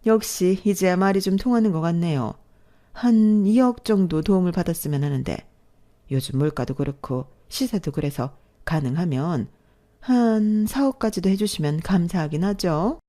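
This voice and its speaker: A woman's voice: on the low side, normal speed, mellow, natural voice. A woman voicing a greedy, brazen stepmother who talks in a pushy, demanding way, read as storybook dialogue.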